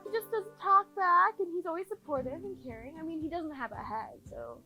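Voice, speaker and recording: A woman's voice: extremely high pitch, expressive, fairly quick, pushed and bright, heavily acted, low-quality recording. A young woman playing a sheepish twenty-one-year-old who rambles hesitantly and defends herself in a mockumentary interview. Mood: sheepish, defensive. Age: young adult. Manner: hesitant, giggly, rambling confessional. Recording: music clearly behind the voice.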